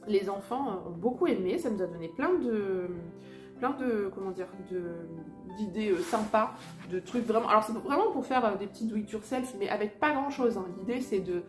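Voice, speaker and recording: A woman's voice: medium pitch, lively intonation, moderate pace, soft background music. A woman casually showing children's books at home beside a fireplace, hesitant, with many fillers and restarts. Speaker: vlogger and mother sharing children's books. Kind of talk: casual show-and-tell chat. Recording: roomy echo.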